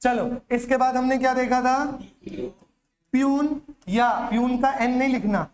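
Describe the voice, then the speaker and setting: A man's voice: very high-pitched, steady tone, a little slow. Man teaching a class, quizzing students. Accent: Chhattisgarh Hindi. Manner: drills students with repeated questions and mnemonics. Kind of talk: classroom lecture with call-and-response drills.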